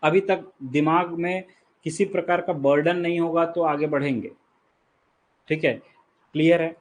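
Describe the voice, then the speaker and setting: In a fairly high, steady voice that runs a little slow, a man from India speaks with an Indian English accent during an online exam-prep lecture. He walks through key terms patiently, says them again, and repeatedly confirms the students are following.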